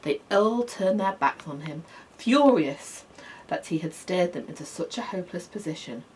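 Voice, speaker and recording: Woman storyteller, expressive read-aloud, lively rising and falling pitch, lowish voice. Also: moderate pace, slight background noise. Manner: expressive, softening to near whisper at calm moments.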